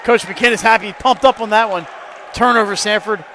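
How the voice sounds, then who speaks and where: A man calls a basketball game play by play in a high, light voice. He is quick and jokey and gets louder on the big plays. A faint murmur of gym noise sits behind him. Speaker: play-by-play announcer. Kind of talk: live basketball play-by-play commentary.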